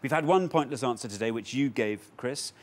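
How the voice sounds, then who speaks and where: A man with an English accent hosting a studio quiz show, announcing rules and scores in a brisk, upbeat way. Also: medium pitch. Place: television studio.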